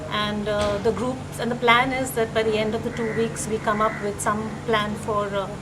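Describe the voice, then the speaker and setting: A woman speaks in a documentary interview, enthusiastic but halting, with fillers between her thoughts. Her pitch stays flat and narrow, and a clear background hum runs under her words. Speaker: course organizer.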